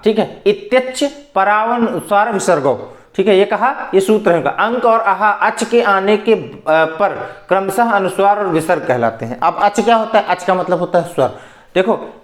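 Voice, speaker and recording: High-voiced male teacher in an echoey room. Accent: Hindi. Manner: explanatory, repeats "ठीक है" and asks and answers his own questions. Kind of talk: exam-prep grammar lesson.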